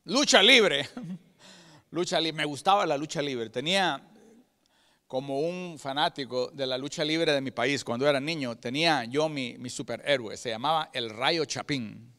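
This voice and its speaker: A man with a Guatemalan Spanish accent preaching a sermon as pastor, swinging from loud emphatic peaks to quiet low asides and often calling out to his brothers. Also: a little slow. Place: church sanctuary. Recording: long reverb of a church hall.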